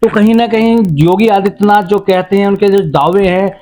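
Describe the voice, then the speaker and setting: A man's voice: high voice, steady tone, normal speed, mellow. A man working as a local news reporter, asking leading questions and leaning on stock phrases. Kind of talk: field interview.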